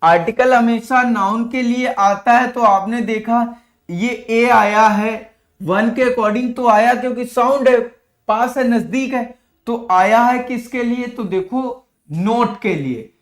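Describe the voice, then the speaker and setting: A man's voice: very high voice, slow, echoey room. A male teacher explaining grammar to students in a classroom, calling them "beta" and patiently walking through examples.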